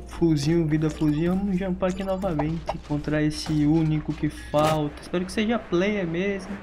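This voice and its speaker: A man with a Brazilian accent, a gaming YouTuber giving chatty, excitable gameplay commentary and laughing often. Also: sits high. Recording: noisy background.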